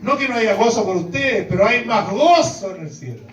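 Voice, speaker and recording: A high-pitched man preaches an emphatic sermon, swinging from calm explanation to loud exclaimed lines. He is heard from a distance in a roomy church hall. The recording is dull, with faint music underneath. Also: normal speed, a crowd in the background. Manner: emphatic, rising to exclamations and acted quotes. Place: church hall before a congregation.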